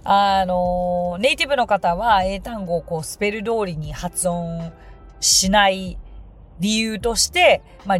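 A woman hosting a podcast pronunciation lesson, speaking politely and modeling words slowly for listeners to repeat. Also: medium pitch. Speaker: English pronunciation teacher and podcast host.

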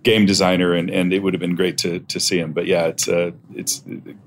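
A middle-aged man with a fairly low voice, speaking as a podcast guest. His talk is casual and explanatory, over faint background noise. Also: little pitch movement, brisk. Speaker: podcast guest, software testing expert.

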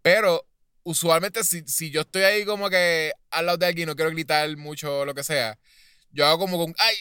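A man in casual film chat, animated, acting out screams and slipping in English words. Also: fairly high pitch, brisk, smooth, no room sound, clean studio sound.

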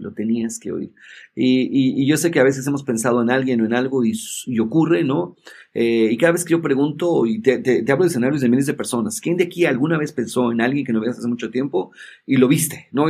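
Middle-aged man, gravelly, husky, animated storyteller. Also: medium pitch. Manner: animated storyteller, acts out quoted dialogue. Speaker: podcast guest, entrepreneur and speaker. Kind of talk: casual storytelling chat.

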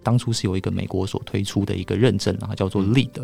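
A man's voice: lowish voice, fairly even intonation, quick pace, vocal fry, mellow, faint music behind. A man with a Taiwanese accent talking casually as a journalist guest, explaining his reporting. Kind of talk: casual explanatory podcast talk.

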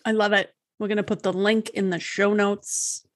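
A woman's voice: medium pitch, flat delivery, normal speed, no room sound, studio quality. A woman co-hosting a podcast in a casual, playful, bantering way. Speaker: podcast co-host.

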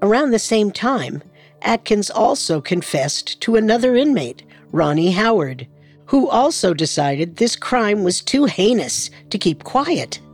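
A woman narrating a true crime podcast in a measured, dramatic scripted style. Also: mid-range voice, sing-song, a little mellow, slightly rough, soft background music.

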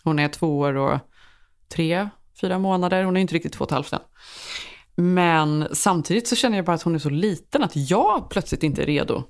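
A woman in her thirties with a slightly low-pitched voice talks in a relaxed podcast chat. She tells a family story with energy and jumps into the voices of the people in it. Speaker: podcast co-host. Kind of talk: casual chat.

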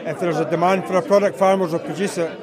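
A man's voice: sits high, steady tone, fast talker. A man with a Scottish accent, a mixed farmer, speaking hesitantly with many fillers. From East Lothian, Scotland. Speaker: livestock and arable farmer. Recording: crowd chatter behind.

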